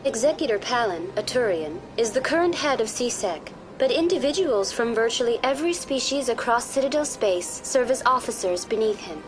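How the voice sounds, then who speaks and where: A woman voicing a polite female virtual-intelligence information program in a video game, with an even, courteous, too-smooth synthetic delivery. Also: fairly high pitch, normal speed, few pauses, close to an everyday voice, low-quality recording. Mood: calm informative. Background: game music.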